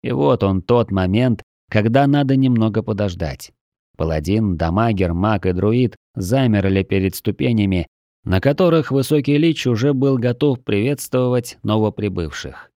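Mellow-voiced man narrating a book. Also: fairly low pitch, no echo, clean studio sound. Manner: measured storytelling delivery. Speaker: audiobook narrator. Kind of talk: scripted narration.

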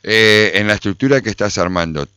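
A man's voice: lowish voice, a little fast, pushed and bright, clear, resonant tone, no room sound. A man with an Argentine accent hosting a radio interview, asking long, rambling questions and murmuring frequent acknowledgments. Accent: Argentine Spanish. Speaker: radio host. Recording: dull lo-fi radio audio, dry.

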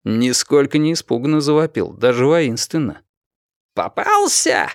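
A man reading an action novel as audiobook narration, in a steady, expressive way. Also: mid-range voice, moderate pace, no room sound, studio quality.

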